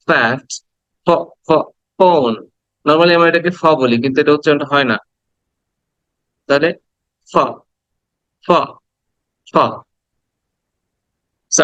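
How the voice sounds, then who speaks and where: Male teacher for a kids' lesson, slightly high, careful and patient, lo-fi sound. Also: smooth, no echo. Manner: patient, repeats sounds and sentences slowly. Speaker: English pronunciation teacher. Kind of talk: slow classroom lesson for children. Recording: dull lo-fi recording, dry.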